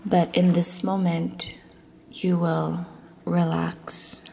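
A woman's fairly low, darkish voice carries a flat delivery as she leads a guided meditation with affirmations, with slight background noise. Slow and soothing, she at times dips into a breathy near-whisper.

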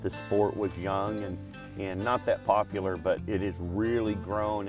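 A man who fishes catfish tournaments, talking in a relaxed, plain-spoken way on an open boat. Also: lowish voice. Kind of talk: casual fishing show talk.

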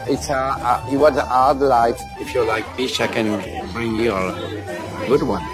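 A man in his sixties from Paris with a French accent, speaking halting, simple English as a talent-show performer. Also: medium pitch, steady tone, crowd noise. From Paris, France. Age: 60s. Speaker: ventriloquist talent-show contestant. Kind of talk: stage act patter and personal interview. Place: large theatre stage and busy backstage hall. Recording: loud music and audience noise behind.

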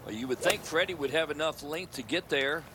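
A man's voice: a little high, a little fast. A man giving casual, analytical live commentary as a golf commentator. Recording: clearly noisy outdoor broadcast.

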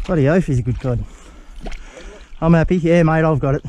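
A man's voice: a little high, brisk, darkish tone. An Australian man chatting casually outdoors while fishing, in a laconic, blokey outback drawl full of slang. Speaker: host of a fishing vlog. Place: outdoors on a river bank.

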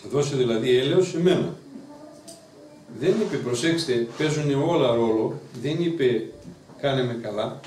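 Priest preaching, far from the mic. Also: male voice, a little high, a little hiss or hum. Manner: lively, emphatic, asks the listeners questions. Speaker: priest teaching a Bible class. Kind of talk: sermon. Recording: roomy, distant mic with faint ambience.

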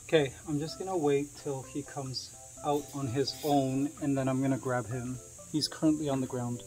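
A man's voice: mid-range voice, steady tone, moderate pace, darkish tone. A middle-aged man from Canada in a casual vlog, chatting to viewers as he shows an outdoor animal enclosure. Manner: chatty, explaining to viewers while handling pets. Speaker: vlogger.

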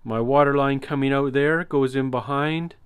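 A man's voice: mid-range voice, normal speed, clean tone, no echo. Casual man explaining his trailer build. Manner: relaxed, explanatory, with fillers. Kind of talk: casual walkthrough tour. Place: inside a converted cargo trailer.

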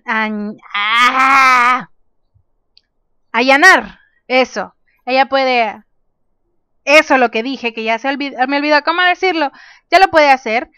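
Woman, high voice, smooth and clear, gaming commentary, chatty, reads menus aloud. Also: fairly bright tone, no echo, lo-fi sound. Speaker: gaming youtuber. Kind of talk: casual let's play commentary.

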